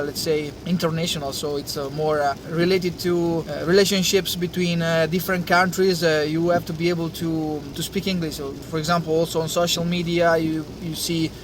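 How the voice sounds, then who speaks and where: A young Italian man, native in Italian, talks casually to camera in English as host of a science channel. His voice is fairly high, he hesitates with lots of fillers and restarts, and there is background noise.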